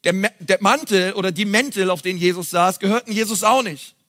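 High, bright-voiced male pastor preaching. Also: fairly quick. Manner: lively, conversational preaching that addresses the congregation directly; reads scripture aloud and then comments on it. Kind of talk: sermon.

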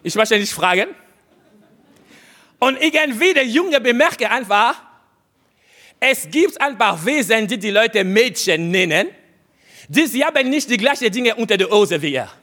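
A man's voice: high-pitched, big pitch swings, measured pace, pauses often, pushed and bright. A man preaching a sermon, speaking straight to his listeners and hammering home short, repeated exhortations. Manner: addresses listeners directly.

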